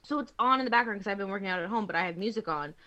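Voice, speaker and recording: A woman hosting a podcast in casual chat, blunt and quick to swear and laugh. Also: medium pitch, sharp tone, dull audio. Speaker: podcast host.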